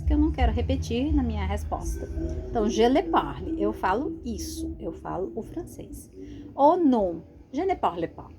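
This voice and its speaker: A Brazilian woman teaching French online, slowly repeating words and explaining in a lively, sing-song voice. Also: fairly high pitch, a little hiss or hum. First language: Portuguese. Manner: slow drilled repetition of French words. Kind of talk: screen-share language lesson.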